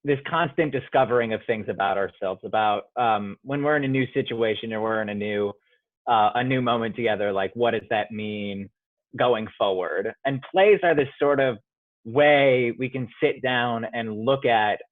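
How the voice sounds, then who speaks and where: Heard through a video call with dry, tinny, phone-like sound and no room sound, a man who writes plays answers interview questions at a moderate pace and a medium pitch. He's thoughtful and keeps restarting as he hunts for the right words.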